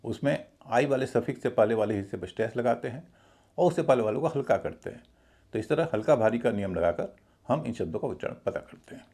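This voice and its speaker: A man giving a slow, deliberate pronunciation lesson, spelling words out letter by letter. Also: medium pitch, expressive, a little mellow. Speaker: English pronunciation teacher. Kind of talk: scripted lesson narration.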